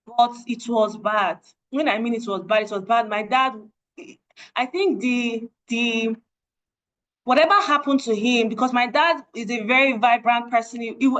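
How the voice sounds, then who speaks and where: A young woman with a Nigerian accent speaks in earnest, sharing a personal testimony with a group online. Her voice sits fairly high, and she leans on repeated phrases to drive her points home. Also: fairly bright tone, poor audio. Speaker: guest speaker. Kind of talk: testimony talk at an online meeting.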